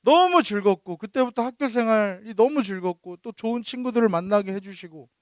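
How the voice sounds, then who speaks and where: A man's voice: high voice, animated, fairly quick, no echo, clean studio sound. A youth pastor in his thirties giving a sermon. He tells a personal story and often turns to ask the teenagers questions.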